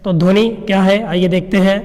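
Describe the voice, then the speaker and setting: High-voiced male teacher in a reverberant room. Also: steady tone, a little fast, a little mellow. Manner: explains step by step, asks rhetorical questions and answers them; checks in with "है ना" and "ठीक है ना". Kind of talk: exam-prep lecture.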